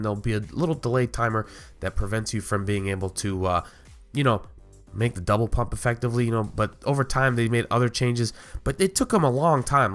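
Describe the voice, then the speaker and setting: A man's voice: medium pitch, a bit bright. A man with a cold and a nasal voice, hosting a gaming video in casual, rambling commentary. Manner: conversational, rambling with small asides.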